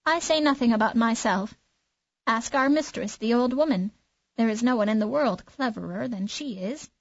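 A woman voicing a bossy, self-important hen who scolds in a raised, high voice. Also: normal speed, dry recording, muffled recording. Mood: scolding.

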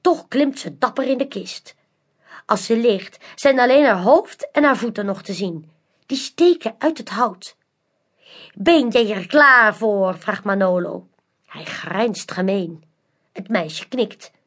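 A woman narrating a children's audiobook with an expressive, animated, carefully paced delivery. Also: mid-range voice, measured pace, breathy edge.

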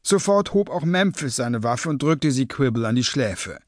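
In a clean, dry studio recording, a man with a mid-range voice narrates a scripted fantasy audiobook, telling the story in a measured yet expressive way.

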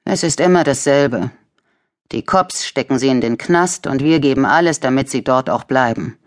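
A woman voicing a tired, calm man in an audiobook thriller, speaking plainly. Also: very deep voice, moderate pace. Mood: weary. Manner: weary, calm. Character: tired, calm middle-aged male customer.

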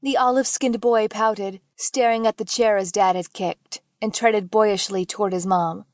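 A woman audiobook narrator reading fiction in a measured, gentle storytelling manner. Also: mid-range voice, fairly even intonation, dry recording, clean studio sound.

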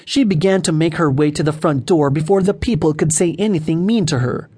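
Husky man reading a children's story. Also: fairly high pitch, brisk. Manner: expressive storytelling. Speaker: audiobook narrator. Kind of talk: children's audiobook narration.

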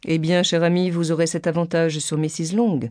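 A dry, teasing middle-aged husband, read by a woman narrator in an audiobook, calm and ironic. The voice is dark and mellow. It is recorded dry and close, with no room sound. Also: fairly low pitch, brisk, no room sound, lightly acted. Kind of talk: audiobook character reading.

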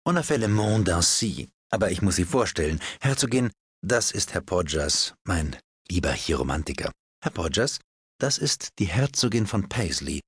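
A man's voice: sits low, very animated, normal speed, husky, no room sound, studio quality, full character voice. A man voicing a witty, chattering society hostess in an audiobook. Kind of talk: audiobook character voice.

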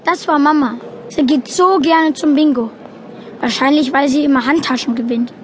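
A high-pitched voice at normal speed, close to everyday speech, with a little hiss or hum on the recording. The actor plays an earnest, quirky boy narrating his own children's audio drama story in a childlike, explanatory, matter-of-fact manner.

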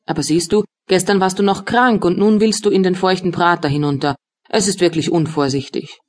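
A gentle, caring young woman, read by a woman narrator who coaxes her partner with quiet worry. The voice sits a little low and stays soft and warm throughout the audiobook dialogue. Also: a little fast, close to an everyday voice. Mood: anxious. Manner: gentle, caring, anxiously coaxing. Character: tender, worried young woman, anxious lover.

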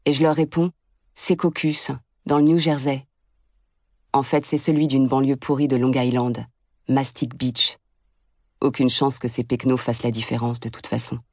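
A woman's voice: very deep voice, flat delivery, moderate pace, a little mellow, no echo, clean studio sound. A woman reading an audiobook as a blunt, sardonic first-person narrator.

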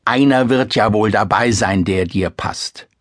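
A man's voice: fairly low pitch, measured pace, fairly bright tone, dry recording, clean studio sound. A man voicing an old king who earnestly admonishes his daughter in a storybook reading. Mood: admonishing. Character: old king, stern but loving father.

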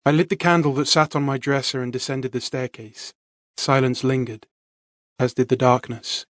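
A man narrating a first-person fantasy audiobook in a measured, dramatic read. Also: medium pitch, level tone, fairly bright tone, no echo, clean studio sound.

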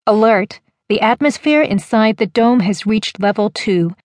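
A woman voicing an automated alert system that issues clipped, flat emergency announcements in an audiobook. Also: mid-range voice, unhurried, dry recording, clean studio sound, natural voice. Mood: urgent announcement.

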